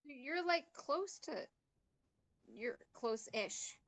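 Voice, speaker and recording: A woman's voice: high voice, animated, extremely slow, a bit bright, dry recording. A woman hosting a board game stream, chatting in a playful, rambling way. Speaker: stream host. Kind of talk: casual chat on a game stream.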